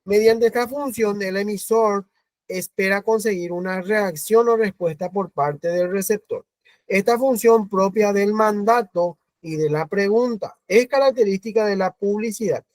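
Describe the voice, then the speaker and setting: A man with a Paraguayan accent teaching an online class, explaining slowly, repeating points and asking questions. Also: high-pitched, darkish tone, no room sound. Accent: Paraguayan Spanish. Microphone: video call.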